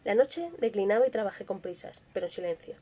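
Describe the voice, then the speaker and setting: A young woman with a Spanish accent from Spain, hosting a live stream and reading stories in a soft, expressive voice that sometimes drops to a whisper. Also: mid-range voice, quick pace. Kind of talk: dramatic story reading with casual chat.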